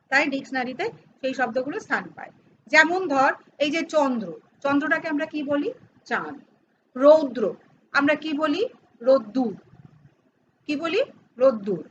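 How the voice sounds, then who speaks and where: A woman's voice: high voice, fairly bright tone, lo-fi sound, a little hiss or hum. A middle-aged woman teaching a grammar lesson to students, explaining step by step and asking and answering her own questions. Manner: addresses students informally, teasing aside.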